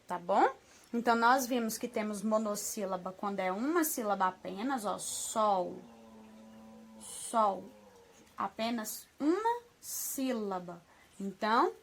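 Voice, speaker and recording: A woman with a Brazilian Portuguese accent teaching young children a remote lesson, affectionate and patient, slowly sounding out words and checking in often. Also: on the high side, fairly bright tone. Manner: affectionate, slow syllable-by-syllable modeling, frequent "tá bom?". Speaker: primary school teacher.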